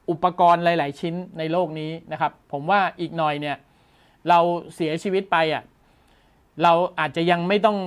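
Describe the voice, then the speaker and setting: A man's voice: fairly high pitch, a bit bright. A man hosting a tech news show, explaining a gadget in a casual, enthusiastic way and exclaiming often.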